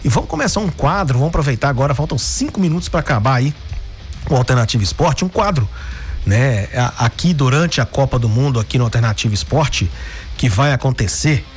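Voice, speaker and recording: A Brazilian man hosts a sports radio show, chatting through football news and often tagging sentences with "né?" and restarting them. His medium-pitched voice is expressive and a little fast, over soft background music.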